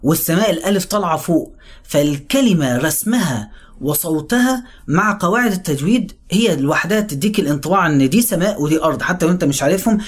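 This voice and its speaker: A man with an Egyptian accent explaining how to read the Quran, talking quickly and then slowly drawing out the example words. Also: on the high side, animated, husky. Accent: Egyptian Arabic. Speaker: religious teacher. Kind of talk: explanatory talk on Quran recitation.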